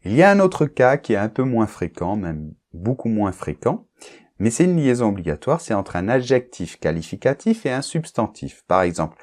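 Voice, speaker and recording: A man teaching a French grammar lesson, explaining slowly and deliberately and often checking that the listener follows. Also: mid-range voice, big pitch swings, darkish tone. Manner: slow, deliberate, checks understanding with frequent "d'accord?".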